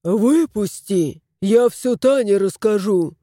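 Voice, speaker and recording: A woman's voice: mid-range voice, lively intonation, slow, warm tone, no echo, clean studio sound. A woman voicing a vain, indignant male house cat who complains theatrically in a storybook reading. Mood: aggrieved.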